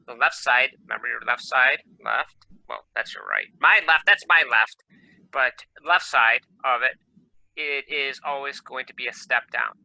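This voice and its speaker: Guy teaching over a video call, gravelly and really bright, super dry sound, rambles while he clicks around. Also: medium pitch, no echo, poor audio. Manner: casual, thinks aloud while fiddling with screen share. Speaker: electronics instructor. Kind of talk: live online class lecture.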